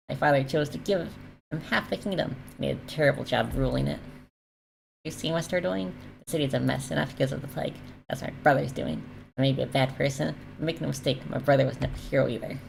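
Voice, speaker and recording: A woman's voice: sits low, fast, vocal fry, darkish tone, low-quality recording. A woman voicing a bitter, ambitious usurper king from a video game, speaking in grandiose, self-righteous declarations. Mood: scornful. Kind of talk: reading video game dialogue aloud. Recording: faint background noise.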